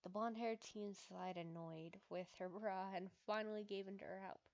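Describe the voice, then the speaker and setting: A woman's voice: medium pitch, steady tone, moderate pace, darkish tone, highs cut off. Chatty woman reading her own fan story. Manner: chatty, stifling laughs. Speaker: fanfiction author. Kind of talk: reading own fanfiction aloud.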